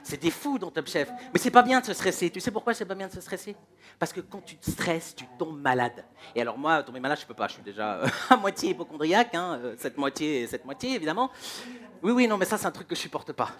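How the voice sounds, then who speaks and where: A man doing stand-up comedy, ranting in an animated, mock-exasperated way. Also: a little high, fast.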